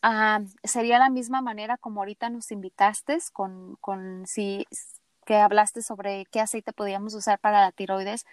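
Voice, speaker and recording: A woman's voice: medium pitch, fairly even intonation, normal speed, dry recording. A woman interviewer who affirms her guest and asks long, rambling questions. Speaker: interviewer host.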